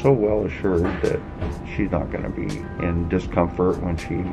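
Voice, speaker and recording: A man's voice: low-pitched, fairly even intonation, normal speed, rough recording. An older man talking casually as a father on a family vlog. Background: prominent music.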